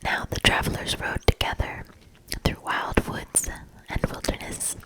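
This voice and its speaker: On a rough recording, a woman gives an ASMR storybook reading in a breathy whisper. She's gentle and deliberate, holding pauses between her short phrases.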